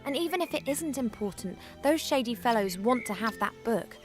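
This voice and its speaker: An actress playing a plucky, chatty young elf adventurer in a video game, with a spirited delivery. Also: female voice, fairly high pitch, expressive, moderate pace, close to an everyday voice. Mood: determined. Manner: spirited, talking to herself and her bird. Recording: music under the voice.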